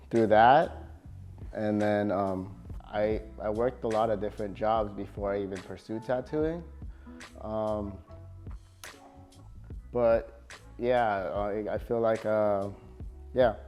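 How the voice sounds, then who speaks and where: A tattoo artist from California chats casually in an interview, relaxed and halting, with plenty of fillers. His voice is lowish, and soft music plays in the background.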